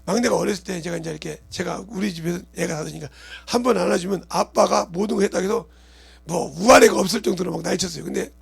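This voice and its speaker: A middle-aged pastor preaches a sermon in a high, fast, creaky voice with a breathy edge, swinging between loud shouting and quiet murmuring and often putting questions to the congregation.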